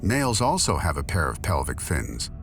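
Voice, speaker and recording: A man's voice: rumbling low, huge pitch swings, normal speed, a bit bright, faint music behind. A man reading scripted narration as the narrator of a nature documentary.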